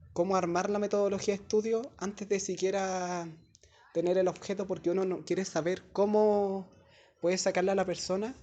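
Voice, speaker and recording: A man's voice: high-pitched, warm tone, highs cut off. A young man with a Chilean accent, a teaching assistant explaining an assignment in a chatty, digressive classroom talk full of casual slang, recorded on a phone in a classroom. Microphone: phone held by a student.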